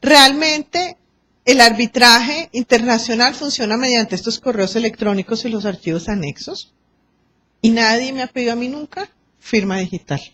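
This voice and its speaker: A Colombian woman lecturing a class on arbitration, lively and acting out quoted exchanges and anecdotes. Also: fairly high pitch, moderate pace.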